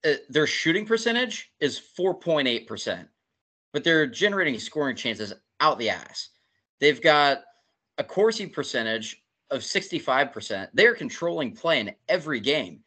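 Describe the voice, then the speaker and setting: A man co-hosting a casual hockey podcast, animated and profane as he reads through statistics. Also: fairly high pitch, normal speed. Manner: animated, swears, rattles off statistics. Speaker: podcast co-host. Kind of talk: casual sports talk.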